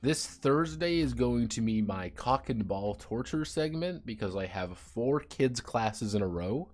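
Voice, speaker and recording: A man's voice: medium pitch, animated, measured pace, a little mellow, soft background music. A man streaming and chatting casually, rambling, swearing and sardonic about his teaching job.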